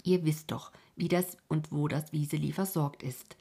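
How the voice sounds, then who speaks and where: A warm-hearted colonel's wife in a storybook, voiced by a woman soothes and persuades with calm firmness. Her voice sits low and breathy, with a soft husk to it. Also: normal speed. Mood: persuasive. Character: kind, firm colonel's wife.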